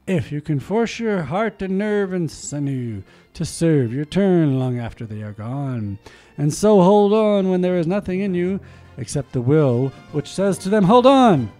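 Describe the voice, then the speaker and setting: In a small community radio studio with soft music underneath, a man reads poems aloud with theatrical swells, growing loud on key lines. Between poems he drops into quiet, murmured, chatty asides. His voice sits on the high side.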